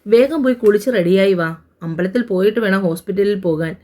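A woman's voice: mid-range voice, mellow, lightly acted. A woman voicing a tender, bustling middle-aged mother in a family audio story. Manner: tender, hurried.

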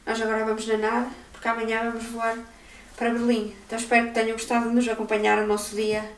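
A woman's voice: a little high, monotone, fast talker, distant mic. A woman, chatting casually to her viewers while filming a family holiday vlog at a hotel. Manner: chatty, talks straight to the viewers. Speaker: family vlogger. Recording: echoey, off-mic, loud background noise.

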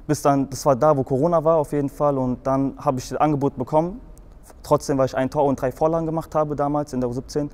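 Speaking quickly and steadily in a slightly high, darkish voice, a young adult guest on a show video tells his personal story. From Frankfurt, Germany, with a Hessian German accent, he meanders, restarting often and filling gaps with fillers.

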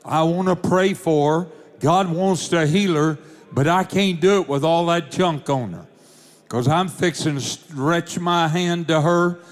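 A man's voice: fairly high pitch, unhurried. A man preaching, telling a testimony in a fervent storytelling manner. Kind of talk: sermon testimony.

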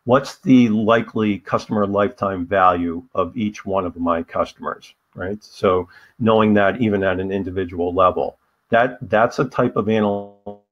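A man's voice: fairly low pitch, normal speed. A man giving a webinar presentation over a video call, his words choppy and cutting out as the connection drops, explaining things and tagging sentences with "right?". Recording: dull lo-fi video call audio.

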